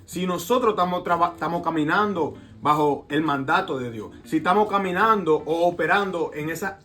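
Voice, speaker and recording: A man's voice: on the high side, a little fast, sharp tone. A man sharing reflections in a casual preaching conversation, often checking in with his listeners. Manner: reflective, repeats phrases, asks "¿verdad?". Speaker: co-host of a faith talk show. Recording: phone recording with guitar music behind.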